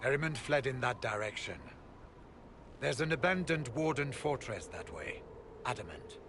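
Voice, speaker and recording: Gravelly, earnest male warrior acted by a man. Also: mid-range voice, lively intonation, moderate pace, natural voice. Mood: sombre. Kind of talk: video game voice acting. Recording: clear background ambient noise.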